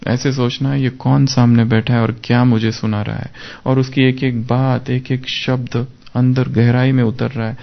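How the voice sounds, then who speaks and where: A man giving a devotional class, animated and acting out his own inner self-talk. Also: medium pitch, normal speed, creaky, few pauses, highs cut off. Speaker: spiritual teacher.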